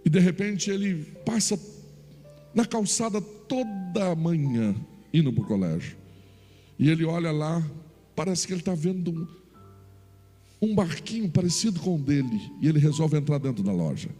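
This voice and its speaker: Lively pastor telling a story. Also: male voice, fairly high pitch, moderate pace, long pauses. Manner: expressive, dramatic storytelling. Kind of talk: storytelling sermon. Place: church hall. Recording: reverberant church hall, faint music.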